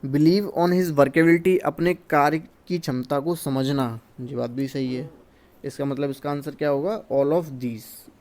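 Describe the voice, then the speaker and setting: A man from India goes through exam questions as a teacher. He reads each English question slowly and then explains it in Hindi. His voice sits slightly high and sounds mellow and soft. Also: steady tone.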